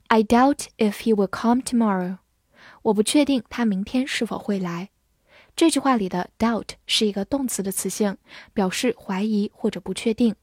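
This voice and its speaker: A young woman teaching English vocabulary in a scripted lesson, spelling words out and reading model sentences slowly and clearly. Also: on the high side, a little mellow, dry recording, clean studio sound.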